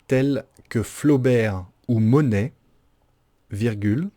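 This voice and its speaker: A man's voice: mid-range voice, slow, mellow. A man dictating as a teacher does, phrase by phrase, carefully articulated, with punctuation spoken aloud and each sentence repeated.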